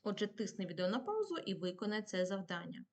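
A woman's voice: medium pitch, sing-song, fast talker, a little mellow. A woman teacher giving a patient video lesson to primary pupils, asking questions and answering them herself.

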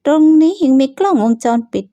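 A woman's voice: a little fast, warm tone, no room sound, dull audio, lightly acted. A woman voicing a scheming, spiteful young woman who bullies her classmates, talking in a smug, sing-song, taunting way.

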